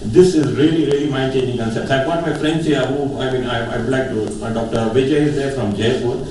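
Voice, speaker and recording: A man's voice: medium pitch, a little fast, a little mellow. North indian guy giving an earnest testimonial talk, repeats himself for emphasis, really echoey and far from the mic. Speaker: eye surgeon giving a testimonial speech. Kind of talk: informal public speech, personal testimonial. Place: echoey hall. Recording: very echoey hall, distant mic, faint noise.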